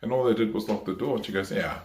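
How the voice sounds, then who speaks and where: A man giving a eulogy for his mother at a memorial service, talking slowly and haltingly with many pauses and fillers. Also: lowish voice, fairly even intonation, darkish tone, reverberant.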